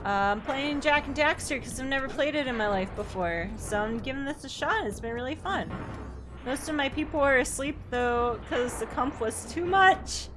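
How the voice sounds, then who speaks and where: Game music plays behind a woman whose high, expressive voice moves at a moderate pace as she live streams. She keeps the chat light and playful, bubbly and cute like an anime streamer, often slipping into sing-song repeats.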